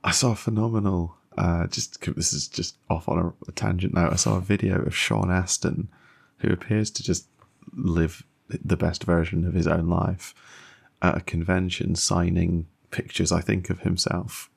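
A man's voice: sits low, moderate pace, gravelly, slightly rough. A man co-hosting a podcast, chatting casually and jokily, acting out quotes as he goes. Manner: animated, jokey, acts out quotes. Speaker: podcast co-host. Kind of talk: casual chat.

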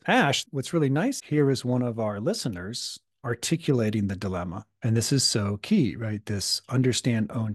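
A hoarse man with a gravelly, husky voice co-hosts a podcast in relaxed chat, recovering from being sick. He speaks thoughtfully, often restarting his sentences. The sound is close and dry, with no room around it. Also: mid-range voice, no room sound. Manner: thoughtful, with frequent fillers and restarts. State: hoarse from a recent illness. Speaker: podcast co-host and coach.

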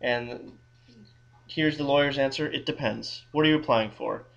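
A man's voice: medium pitch, normal speed, gravelly, fairly bright tone, lo-fi sound. A man who works as a criminal defense lawyer co-hosting a casual legal advice podcast, explaining things in a wry, thinking-aloud way with frequent restarts.

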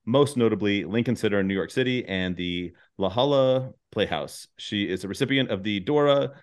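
He's a podcast host with a lowish voice and normal speaking speed, interviewing guests and alternating between scripted introductions and easygoing, self-deprecating conversation.

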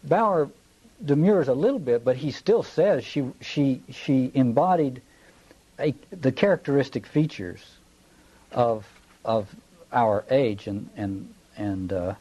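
A man giving a scholarly lecture in an erudite, deliberate manner, often halting and pausing as he works through ideas and quotations. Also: mid-range voice, mellow, breathy edge, poor audio. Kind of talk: scholarly lecture quoting from texts.

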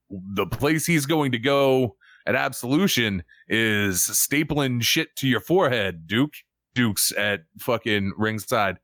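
A man co-hosting a casual wrestling podcast, excitable and profane, repeating lines for emphasis. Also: mid-range voice, dry recording, clean studio sound. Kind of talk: casual chat.

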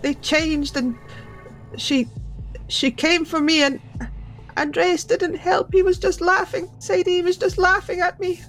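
A shaken young man stumbles over his words in a tabletop game, his voice pushed far above its usual pitch, as a male player puts him on. He sounds frightened and breathless. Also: flat delivery, measured pace, a bit bright, faint music behind, full character voice. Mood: terrified. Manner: stammering, breathless, high-pitched.

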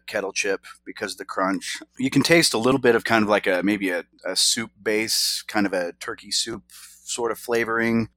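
A man's voice: fairly low pitch, fairly bright tone, no echo. A man co-hosting a casual snack review podcast, laid-back and repeating himself as he talks. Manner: laid-back, stammering restarts. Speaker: podcast co-host.

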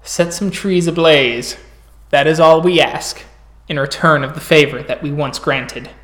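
A man's voice: fairly high pitch, measured pace, fairly bright tone, roomy sound. A man voicing an ominous fire spirit in a tabletop game, a fire demon speaking tersely and solemnly in a crackling voice. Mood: commanding. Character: ominous fire spirit demanding trees be burned. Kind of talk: tabletop role-play character acting.

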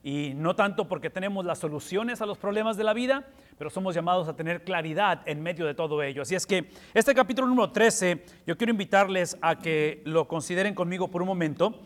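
A man's voice: high voice, long reverb tail. A man preaching a sermon with emphasis, repeating key words and slipping in English terms. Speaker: pastor. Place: church hall.

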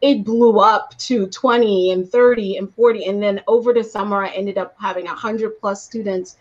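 Animated Guyanese-born woman coach, lo-fi call. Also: mid-range voice, normal speed. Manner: animated storytelling with laughs. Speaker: guest, coach and motivational speaker. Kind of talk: conversational interview answers.

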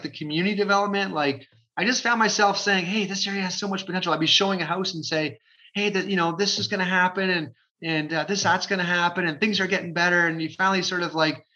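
A man in his forties from Ontario, Canada, talking as an interview guest in an energetic, chatty way, with lots of fillers. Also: high voice, fairly quick. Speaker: guest, realtor. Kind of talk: casual interview talk. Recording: dull lo-fi sound.

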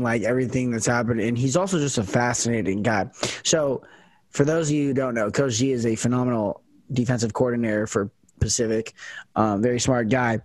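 A young man with a medium-pitched voice hosts a casual podcast chat, rambling with plenty of fillers and restarts. He is a college football kicker, and the recording is dry, with no room sound.

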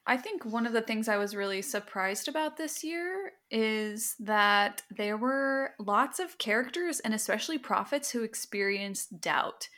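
A woman's voice: a little high, animated, unhurried, few pauses, bright, forceful tone. A young adult woman co-hosting a podcast, speaking in a thoughtful, reflective way with casual fillers. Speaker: podcast co-host. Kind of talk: casual conversation.

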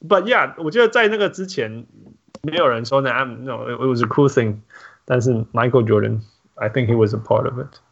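A man hosting a relaxed podcast conversation, hopping between Mandarin and English with lively energy. His voice sits at a middle pitch. The recording sounds dull and a bit lo-fi. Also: normal speed, gravelly. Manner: code-switching between Mandarin and English, animated. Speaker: podcast host. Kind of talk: casual chat.

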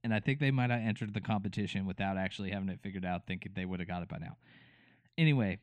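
A man's voice: deep voice, very fast, dry recording. A man co-hosting a podcast, chatting casually about a TV show with lots of fillers and restarts. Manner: rambling, many fillers and restarts. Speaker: podcast co-host. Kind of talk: casual chat recapping a TV show.

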